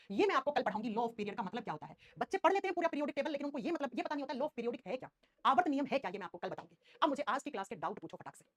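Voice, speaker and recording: A woman teaching a live online class at a rapid clip, her voice high and bouncing all over. She keeps coaxing her students and fires quick questions at them. The sound is close and dry. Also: no room sound.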